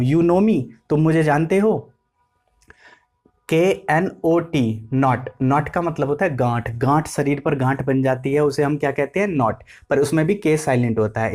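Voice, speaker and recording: A man with a slightly raised voice teaches basic English. He goes slowly and repeats himself, spelling each word out letter by letter before he explains it. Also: a little high, a little mellow. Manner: slow and repetitive, spelling words out letter by letter. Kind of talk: explanatory lesson.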